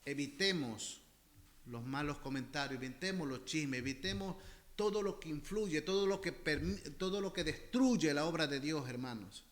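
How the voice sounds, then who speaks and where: A man preaches with fervor, his voice sitting somewhat high for a man. He calls out to his congregation as brothers, repeats phrases for emphasis and swings from loud exhortation to hushed intensity. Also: animated, moderate pace. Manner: impassioned preaching, often addressing listeners as brothers. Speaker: pastor. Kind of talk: sermon.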